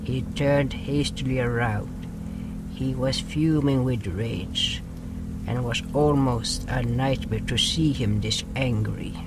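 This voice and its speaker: A solemn, earnest creature tells its tale in an audio drama, voiced by a man at medium pitch and slow pace, its broken speech dropping articles. The character seems small beside a raging ally, and the recording is very noisy.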